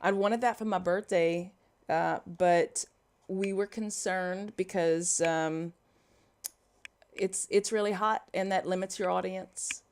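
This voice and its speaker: On her coding tutorial stream, a Louisiana woman with a Cajun English accent reads viewer comments out loud and jokes around with them in a chatty way. Her voice is lowish, steady, slow and slightly mellow, with a bit of hiss or hum in the audio.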